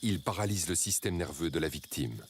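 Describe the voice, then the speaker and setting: A man reading scripted nature documentary narration in a measured, dramatic storytelling way. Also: sits low, expressive, slight background noise.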